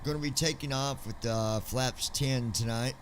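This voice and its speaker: Chill joking guy streaming flight sim, normal pitch, faint room hum. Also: fairly even intonation, moderate pace. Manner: laid-back, joking, talks to viewers as fellas and folks. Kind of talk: casual streaming chat.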